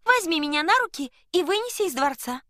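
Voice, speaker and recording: A squeaky, very high and sharp little goose hen, calm and helpful, with a strange pinched tone. She talks plainly and reassuringly, as in a storybook read aloud. The recording is dry and close. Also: brisk, dry recording, full character voice. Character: kindly wise female goose. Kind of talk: storybook reading.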